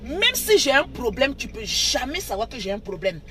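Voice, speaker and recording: A woman's voice: on the high side, very animated, moderate pace, a crowd in the background. A woman hosting an unscripted live stream on her phone, scolding and mocking her viewers and repeating herself for emphasis.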